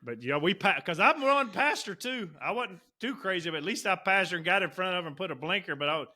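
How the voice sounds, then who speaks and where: A man tells rambling stories to his podcast co-host. His voice is bright and forward and sits a little high for a man. He wanders through tangents in relaxed, casual chat. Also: fast talker. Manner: rambling storyteller, Southern turns of phrase.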